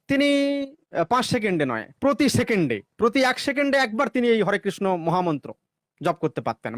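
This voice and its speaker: A man's voice: high-pitched, dry recording, studio quality. A man explaining arithmetic in a sarcastic monologue, now and then chanting a mantra between the sums. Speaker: religious commentator.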